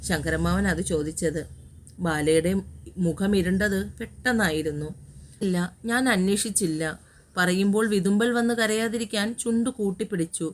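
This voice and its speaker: A woman narrating a romantic audio story in a calm, steady reading voice. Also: mid-range voice, slight background noise.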